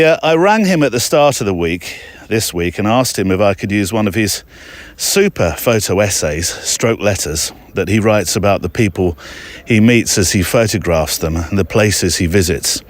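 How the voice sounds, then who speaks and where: A man records a casual podcast monologue as he walks through an overgrown park, rambling to listeners and pausing for hesitant asides. His lowish voice is expressive and moderately paced, and the recording is dry.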